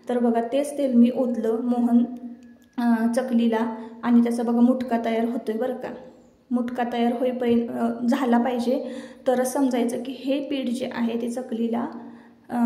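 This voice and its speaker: A woman's voice: fairly high pitch, warm tone, reverberant. A middle-aged woman with a Marathi accent, chatting homely as she talks viewers through a home cooking recipe. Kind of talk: casual recipe voice-over.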